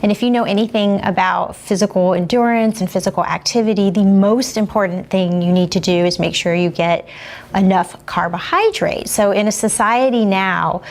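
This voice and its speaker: Woman with a creaky voice explaining nutrition. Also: mid-range voice, normal speed. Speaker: nutrition expert interviewee. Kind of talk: explanatory documentary interview.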